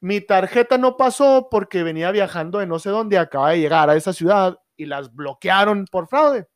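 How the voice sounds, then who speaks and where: A man's voice: high-pitched, normal speed, smooth, no echo, studio quality. A young man, co-hosting a casual chat and telling a story full of crude slang.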